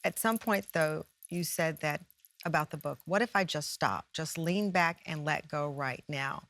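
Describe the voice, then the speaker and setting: Woman host of a talk show, conversational and joking, slightly low pitch. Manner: warm, chatty questions with restarts and jokes.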